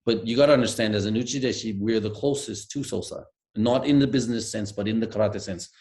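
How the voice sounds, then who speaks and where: Speaking fast in a lowish, slightly mellow voice, a middle-aged Danish man appears as a guest over a webcam video call from a room at home. He tells stories reflectively and hesitantly, with lots of fillers.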